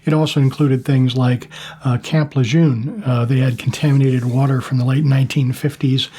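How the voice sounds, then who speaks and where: An older American man with a husky voice, talking to viewers as a host in a plain-spoken, casual monologue with measured pauses. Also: medium pitch, steady tone, mellow. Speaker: YouTube host, former Marine.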